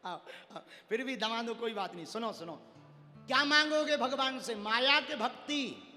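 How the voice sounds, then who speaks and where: A man's voice: very high-pitched, pushed and bright. A man preaching a devotional sermon to a large gathering, telling a story and coaxing the crowd to answer him. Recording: long hall reverb, faint music.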